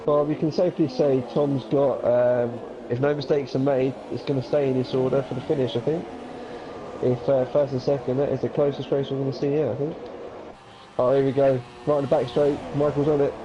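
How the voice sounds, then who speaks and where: Excitable man calling a sim race. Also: mid-range voice, fairly quick. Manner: excitable, voice jumps up at incidents. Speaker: sim racing commentator. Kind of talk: live race commentary. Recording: dull lo-fi sound with game noise behind. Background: racing game engine noise.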